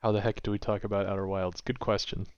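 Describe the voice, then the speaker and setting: Male co-host, smooth low voice, reflective casual chat, dull lo-fi recording. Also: little pitch movement, fast talker, a little mellow. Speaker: podcast co-host. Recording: dull lo-fi audio.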